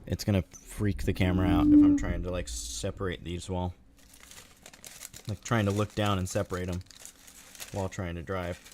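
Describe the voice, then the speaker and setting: Deep-voiced laid-back male game streamer. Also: noisy background. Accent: American. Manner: chatty, laid-back, talks while eating. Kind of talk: casual livestream commentary while gaming.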